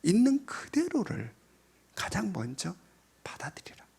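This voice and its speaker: A man preaching a sermon as pastor, repeating key phrases and swinging between loud emphatic lines and whispered asides. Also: high-pitched, wildly swooping pitch, unhurried, vocal fry, husky.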